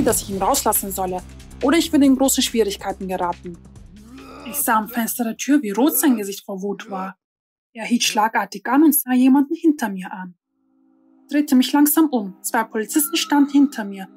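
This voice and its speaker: A woman's voice: a little high, a little mellow. Woman narrating a tense first-person story.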